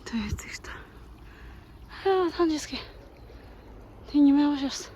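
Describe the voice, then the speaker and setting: A woman's voice: high voice, expressive, a little slow, mellow, a little hiss or hum. A young woman vlogger chatting casually on a trip outdoors, exclaiming and laughing often. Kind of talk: casual travel vlog chat.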